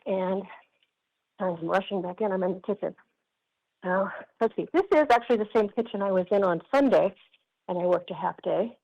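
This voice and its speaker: A woman's voice: medium pitch, normal speed, creaky, highs cut off. A woman calling in to a council meeting from a kitchen at work, telling a long story with emphasis as a resident giving public comment. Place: kitchen at her workplace. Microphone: phone or video call.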